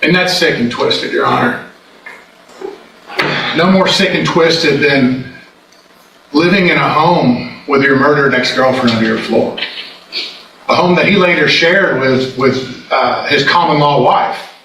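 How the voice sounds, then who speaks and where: This prosecutor's closing argument comes in a slightly high male voice, a little slow and broken by frequent pauses, yet emphatic and condemning. Background noise, courtroom echo and a distant mic mark the indoor recording.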